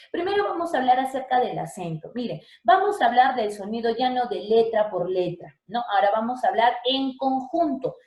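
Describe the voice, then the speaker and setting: A woman teacher giving a lesson, chatty and checking in with her students often. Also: on the high side. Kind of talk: online language lesson. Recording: roomy echo.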